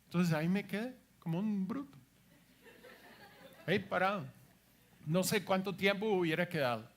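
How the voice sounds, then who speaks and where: High-voiced man preaching a testimony sermon. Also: lively intonation, normal speed, a little hiss or hum. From United States. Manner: storytelling, acts out quoted dialogue, emphatic repetitions.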